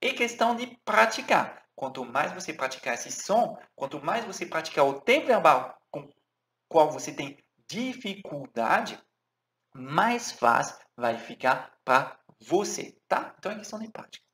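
A man's voice: a little high, very animated, a little slow, fairly bright tone. A man from France with a French accent, a native French speaker teaching his language in an online lesson, explaining patiently and often checking in with the listener.

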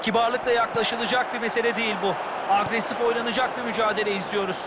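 A man's voice: very high-pitched, steady tone, fast talker. A man giving analysis as co-commentator during a football match. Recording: loud stadium crowd noise behind. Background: stadium crowd.

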